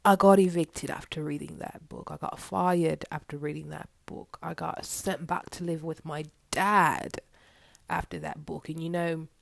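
Woman doing a worn-down young waitress, low creaky voice, rambling and earnest. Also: a little slow, dry recording, exaggerated voice. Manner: earnest, rambling, swears when annoyed.

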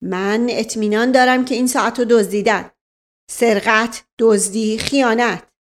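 A woman's voice: a little high, steady tone, close to an everyday voice. A woman voicing a blustering male police inspector who barks short commands. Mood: bullying.

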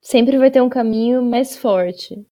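A woman hosting, asking questions in a slow, hesitant, casual way. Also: a little high, mellow. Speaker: host.

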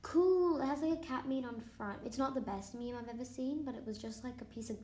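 A chatty young woman talks through her guesses out loud and now and then slips into a whisper. Her voice sits a little high with a mellow tone, and an echoey room surrounds it. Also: a little fast. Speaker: student. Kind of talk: casual vlog, quizzing herself on vocabulary.

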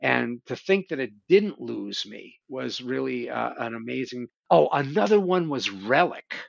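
A man's voice: mid-range voice, sing-song, unhurried, gravelly, no echo, dull audio. A man hosting a show, casually and animatedly retelling horror stories, swearing now and then. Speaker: podcast host. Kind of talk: casual conversation about horror films.

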